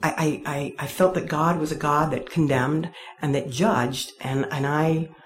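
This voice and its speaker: A woman's voice: deep voice, fairly even intonation, unhurried. A woman telling an audience her own faith story in a candid, wry, self-deprecating way. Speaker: speaker sharing a personal faith story. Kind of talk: personal testimony told to an audience.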